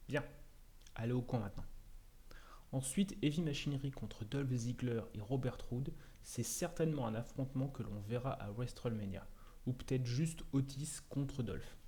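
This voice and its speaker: Sardonic French man with a mellow voice. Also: medium pitch, moderate pace. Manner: sardonic, opinionated asides. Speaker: wrestling video host. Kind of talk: scripted prediction monologue.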